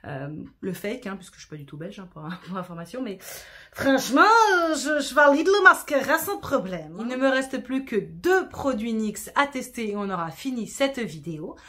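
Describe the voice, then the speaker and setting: A woman's voice: medium pitch, lively intonation, brisk, hardly any pauses. Chatty woman doing a makeup tutorial. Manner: chatty, self-deprecating, sprinkles English words. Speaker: beauty vlogger.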